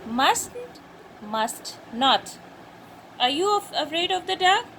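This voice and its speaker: A woman teaching a lesson to young children, slowly repeating and spelling out words. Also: extremely high pitch, very animated, fairly bright tone, a little hiss or hum, rough recording.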